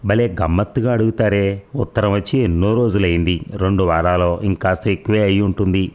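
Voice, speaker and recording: A man's voice: sits low, steady tone, brisk, darkish tone, lightly acted. A man voicing a sarcastic young wife who answers with cold mockery in an audio story. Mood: mocking. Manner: mocking, dismissive.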